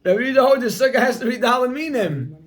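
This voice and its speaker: A man with an extremely high, lively voice talks rapid-fire while reading and explaining text in a Talmud class. He keeps repeating important phrases and calls on his students emphatically.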